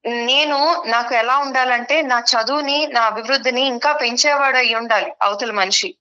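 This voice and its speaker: Bright, firm young woman guest. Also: on the high side, normal speed, lo-fi sound. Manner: firm, lecturing. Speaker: guest on counseling show. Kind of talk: studio talk show dispute.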